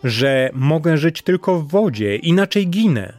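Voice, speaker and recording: A man's voice: a little high, very animated, measured pace, a little mellow, soft background music. A man voicing a huge, polite male whale in a storybook, sounding apologetic.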